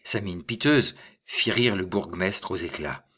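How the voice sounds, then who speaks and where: A man narrating a story aloud in a measured, expressive reading. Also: low-pitched, husky. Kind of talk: audiobook reading.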